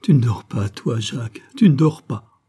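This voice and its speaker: A man's voice: mid-range voice, expressive, moderate pace, warm tone, slightly rough. A man voicing a fragile young woman in an audiobook, overjoyed and near tears, pleading and repeating herself. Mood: distraught. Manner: pleading, repetitive, emotional. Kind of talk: audiobook character reading.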